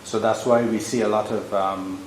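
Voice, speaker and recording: A man's voice: lowish voice, fairly even intonation, moderate pace, slight background noise. A man interviewing a parish priest, asking plain, friendly questions. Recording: roomy echo with faint background ambience.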